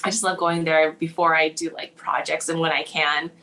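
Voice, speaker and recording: Bright-voiced young woman chatting with giggles. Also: sits low, flat delivery, moderate pace, slight background noise, low-quality recording. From Hawaii, raised in Southern California. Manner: chatty, giggly, many fillers like "like". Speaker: children's book illustrator, guest. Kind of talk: casual interview chat.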